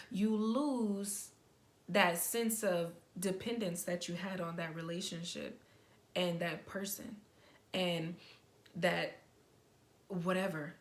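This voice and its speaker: Excited rambling woman vlogger. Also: on the low side. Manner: excited, rambling, stutters often. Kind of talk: casual advice talk to camera.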